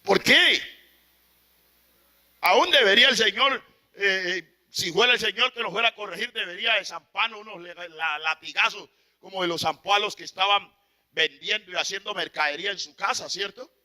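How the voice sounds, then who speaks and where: High, piercing male preacher. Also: a little fast. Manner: impassioned, swings from loud to hushed. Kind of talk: sermon.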